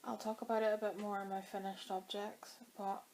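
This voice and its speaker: Talking briskly with little pitch movement, a woman in a mid-range, slightly mellow voice chats to camera about her knitting. She rambles with many fillers, her throat dry as a cold comes on, with a faint hiss or hum present.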